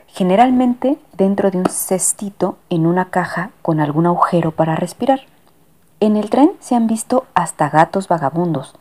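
A woman narrating a children's storybook with a lively, expressive manner. Her pitch is animated and moves a lot.

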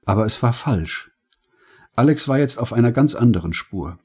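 A man narrating an audiobook in a calm, measured storytelling manner. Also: mid-range voice, slightly rough. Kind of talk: scripted narration.

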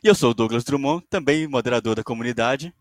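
A man's voice: mid-range voice, fast, no echo. A man with a Brazilian Portuguese accent co-hosting a podcast in casual conversation. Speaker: podcast co-host.

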